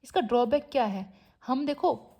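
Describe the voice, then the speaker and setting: High-voiced woman teaching a lecture. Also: dark tone. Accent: Indian English. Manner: repeats "ठीक है" as a tag, reads English definitions slowly. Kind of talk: exam-prep lecture.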